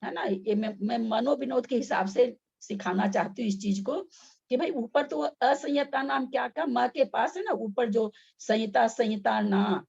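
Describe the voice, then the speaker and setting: A woman's voice: fairly high pitch, unhurried, creaky, a little mellow, husky, highs cut off. A woman teaching Sanskrit pronunciation in an online class, patient and step by step, with repeated examples.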